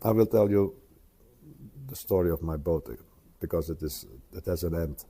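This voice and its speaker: A man in his seventies, an interview guest, speaking hesitantly with many pauses and tag questions. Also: low voice, mellow, slightly rough. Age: 70s. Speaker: interview guest, retired traveler. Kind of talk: casual conversational interview.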